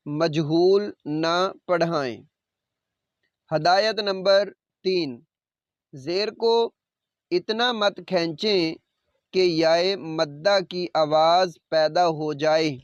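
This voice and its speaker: A man with a high voice gives a recitation lesson, sounding out each letter and syllable and repeating it. The recording is dry and close, with a dull, lo-fi tone. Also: no room sound. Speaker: Quran reading teacher.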